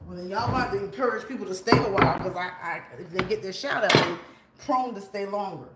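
A woman in her forties speaks fast at a medium pitch, hosting a casual cooking livestream in a big home kitchen. She chats with viewers and greets them by name as she cooks, moving around away from the camera on a tripod that records her. The kitchen is echoey, with faint room noise.

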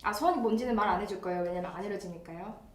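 A woman's voice: mid-range voice, racing. A young woman chatting casually with fans on a live birthday stream, bubbly and chatty. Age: young adult. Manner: bubbly, chatty, acts out quoted voices. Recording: roomy echo.

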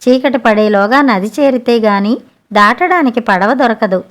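A woman's voice: on the high side, lively intonation, unhurried. Woman reading a greedy merchant. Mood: hurried. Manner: pleading and wailing in turns. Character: greedy scheming male merchant. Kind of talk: storybook narration.

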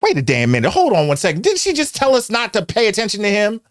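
A man's voice: sits high, wildly swooping pitch, quick pace. A middle-aged American man giving casual, slangy, teasing reaction commentary as a show host. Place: indoor home studio. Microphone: close studio mic on boom arm.

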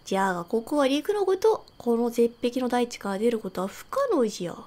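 A woman reading a mysterious, sage-like old man's lines in slow, archaic elder speech while streaming a game. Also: on the high side, sing-song, mellow, pitched below the performer's own voice. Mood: solemn. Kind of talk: reading a game character's lines during a live commentary stream.

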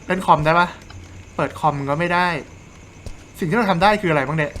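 A man's voice: on the high side, fairly quick, a bit bright, slight background noise. A man giving casual let's play commentary, chatting and joking while reading game dialogue aloud. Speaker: gamer.

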